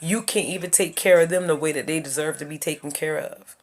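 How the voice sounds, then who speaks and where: A woman in her thirties, a YouTuber, gives casual life advice straight to her viewers in a deep, steady, brisk voice. She is emphatic and preachy, repeating her points.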